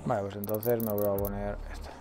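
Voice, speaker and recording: A man, a let's play streamer giving excitable gameplay commentary and talking to himself. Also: lowish voice, brisk, a little hiss or hum. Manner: excitable, swears freely, talks to himself.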